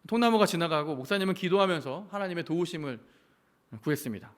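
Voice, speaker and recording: Male pastor, lively storytelling sermon, higher pitch and swinging intonation, asks the congregation questions. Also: fast. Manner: storytelling with acted quotes and rhetorical questions. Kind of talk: sermon at a midweek prayer service. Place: church.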